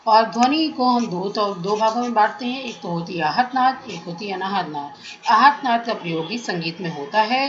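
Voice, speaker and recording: Woman teaching music theory, slightly muffled. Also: medium pitch. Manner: measured, explanatory, defines terms step by step. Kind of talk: classroom lecture.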